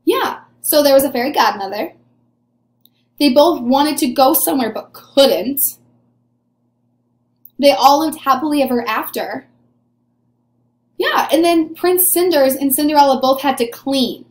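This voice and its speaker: Recorded by a desk-distance webcam or camera in a small, reverberant room, a woman in her twenties speaks in a high voice. As an early elementary teacher, she leads a lively read-aloud lesson for little ones, encouraging them by asking questions and supplying the answers as though pupils had responded.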